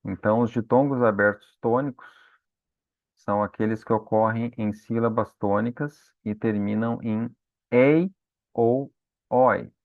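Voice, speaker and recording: A man with a low, gravelly voice explains grammar slowly and patiently, like a teacher at the board. He keeps checking that his students follow along. The sound is dry and thin, as if heard over a phone line. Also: steady tone, no echo. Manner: patient, frequent "né?" and "tá?" check-ins. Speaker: Portuguese teacher. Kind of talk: explanatory lesson.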